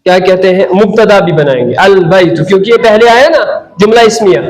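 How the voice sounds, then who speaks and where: A man's voice: high-pitched, animated, fast, roomy sound, rough recording. A man teaching Arabic grammar in a classroom lesson, who keeps asking and answering his own questions and repeating key terms. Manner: mixes Hindi-Urdu with English terms.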